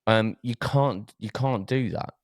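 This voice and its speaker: A man's voice: on the low side, slow, no room sound, clean studio sound. A man from Essex with an Essex accent hosting a casual podcast chat, hesitating and repeating words as he goes. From Essex, England. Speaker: podcast host.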